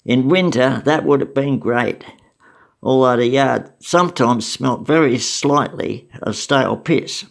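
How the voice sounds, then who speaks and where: Gravelly older Australian man. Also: mid-range voice, unhurried. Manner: wry, matter-of-fact, with chuckles and asides. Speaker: storyteller recounting memories. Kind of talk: casual spoken memoir.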